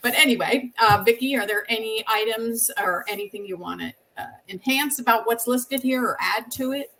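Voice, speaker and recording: A woman's voice: a little high, moderate pace, fairly bright tone, slight background noise, poor audio. Chatty woman podcast host. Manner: chatty, laughs often, leads through slides. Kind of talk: podcast conversation.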